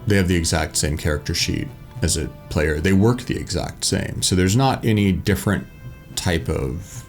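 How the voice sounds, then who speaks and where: A man with a low voice hosts a solo tabletop live play. He thinks aloud informally as he explains rules and moves. Faint music runs underneath. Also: moderate pace. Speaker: solo tabletop game player and host.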